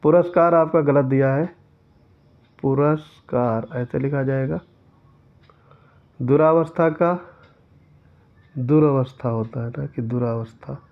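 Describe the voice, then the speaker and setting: A man's voice: a little high, slow pace, long pauses. A man teaching an exam-prep lesson who reads each question aloud and then corrects it step by step. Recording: tinny phone-like sound.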